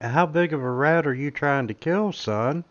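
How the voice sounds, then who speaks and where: A man voicing a shrewd male merchant who speaks in a halting, stammering way. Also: fairly high pitch, voice pushed up, lightly acted. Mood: puzzled, incredulous. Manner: halting, full of stammers and filler sounds. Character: gruff male merchant, shrewd, rule-minded shopkeeper. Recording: dull lo-fi recording.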